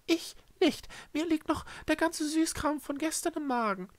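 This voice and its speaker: Shrill panicky cat creature. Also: male voice, normal speed, no echo. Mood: incredulous. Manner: shrill, agitated, shouting. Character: small male talking cat creature, frantic.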